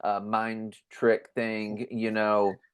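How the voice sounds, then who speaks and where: Fairly low and monotone, his voice is clear and resonant, and he speaks very slowly. As a podcast host he chats casually, rambling and restarting eagerly like an enthusiastic fan.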